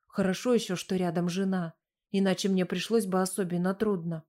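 Hoarse, bedridden old aristocrat, low and soft, weary sighing delivery, as a woman puts him on in an audiobook. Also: fairly even intonation, fairly quick, lightly acted. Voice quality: hoarse, feeble. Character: ailing elderly English lord, weak, bedridden.

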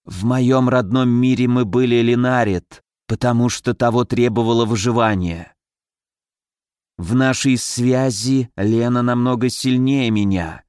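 Hissing, servile female fire snake, voiced by a male narrator, slow and timid, audiobook. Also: mid-range voice, a little mellow, clean tone, dry recording, clean studio sound, natural voice. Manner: hissing, apologetic.

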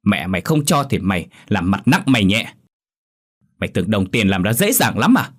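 A man voicing a hot-tempered drunken father who scolds his daughter in rapid anger, in a spoken horror story. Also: medium pitch, animated, breathy edge. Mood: furious. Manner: fast, furious scolding.

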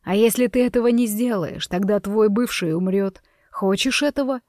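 A woman's voice: mid-range voice, normal speed, darkish tone, dry recording, studio quality, natural voice. A woman voicing Dante, a sneering mobster groom. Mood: menacing. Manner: taunting, sinister. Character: menacing young male mobster groom, cruel and mocking.

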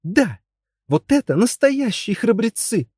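Figure: capricious princess, voiced by a man. Pitch: raised. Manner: petulant. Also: very animated, a little fast, darkish tone, dry recording, studio quality. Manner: petulant, scolding. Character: haughty young princess, capricious and impatient. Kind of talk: audiobook character voice.

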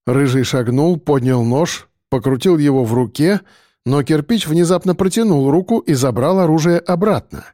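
A man reading a gritty story aloud as an audiobook narrator, dramatic and steady. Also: on the high side, moderate pace, no echo, studio quality. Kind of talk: scripted narration.

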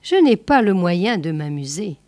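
A woman voicing a modest, thrifty male painter who answers plainly and calmly. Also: lowish voice, measured pace, no room sound.

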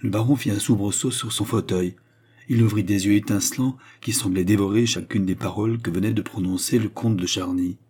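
A man narrates a classic novel at a measured, steady pace. His voice sits low and dark. A husky grain colors every line. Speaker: audiobook reader.

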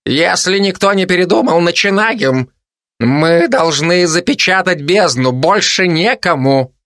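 A man voicing a brisk, scornful toy parrot in a storybook. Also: high voice, animated, a bit bright, dry recording, voice pushed up, exaggerated voice.

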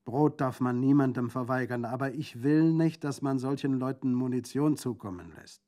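A man's voice: medium pitch, normal speed, mellow, pitched above the performer's own voice, lightly acted. A man playing a stern disapproving brother. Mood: reproachful. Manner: lecturing, reproachful. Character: stern disapproving young gentleman, her brother.

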